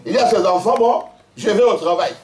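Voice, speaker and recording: A male pastor preaching a lively sermon to a responsive congregation, telling stories with laughter and acting out characters. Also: sits high, brisk. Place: church in Brussels. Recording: echoey church hall.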